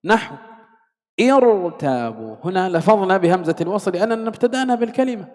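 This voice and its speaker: Man, tajwid teacher, methodical, questions and answers himself, raised pitch, long echo. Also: racing, darkish tone. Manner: explains step by step, repeats rules, asks and answers his own questions. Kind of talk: Quranic recitation rules lesson.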